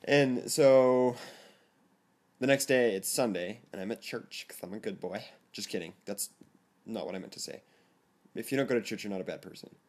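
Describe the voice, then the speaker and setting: A teenage boy telling a story to his camera in a casual vlog, rambling and self-conscious, often laughing and jumping into a higher, excited voice. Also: normal speed. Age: teens. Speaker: vlogger.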